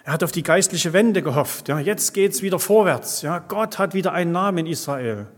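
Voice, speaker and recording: A man with a somewhat high voice preaches in an easy, conversational way, checking in with his listeners after almost every thought. His voice rings out with a long reverb, as in a large church hall. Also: expressive, fairly quick. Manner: peppers speech with tag questions like "ja" and "ne". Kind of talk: conversational sermon.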